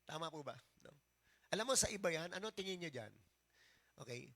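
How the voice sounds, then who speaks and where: A middle-aged Filipino man preaching a sermon as pastor, switching between Tagalog and English and swinging from soft talk to shouting. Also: fairly high pitch, expressive, fairly quick.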